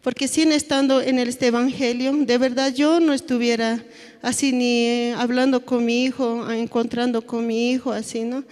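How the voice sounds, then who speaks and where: A middle-aged woman speaks at a church service, telling her own story in halting, earnest phrases. Her voice sits on the high side for a woman. The sound carries a long reverb from the hall. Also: little pitch movement, a little mellow. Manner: halting, earnest, tags lines with "¿no?" and "así". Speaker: church member giving testimony. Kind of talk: personal testimony in a church service.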